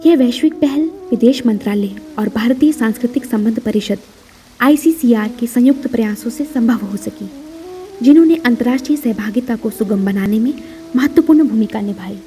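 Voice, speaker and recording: A woman giving formal, measured scripted narration for a government podcast. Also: a little high, warm tone, faint music behind.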